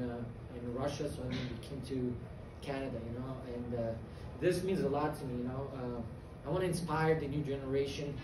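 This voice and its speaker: Earnest young fighter in an echoey venue. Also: male voice, medium pitch, noisy background. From Afghanistan. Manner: earnest, confident, halting with fillers. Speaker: MMA fighter. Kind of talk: post-fight interview. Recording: echoey venue, distant mic, loud crowd ambience.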